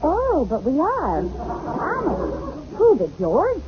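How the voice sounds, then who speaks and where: An actress playing a wry, wheedling young wife in a 1940s radio comedy. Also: female voice, high voice, wildly swooping pitch, drawn-out words, exaggerated voice. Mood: playing along. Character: scheming, coaxing young wife playing along as elf. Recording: muffled, hissy 1940s radio recording.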